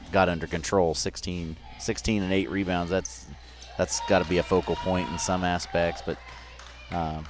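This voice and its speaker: Deep-voiced man on game commentary. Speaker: color commentator. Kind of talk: basketball commentary. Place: school gym.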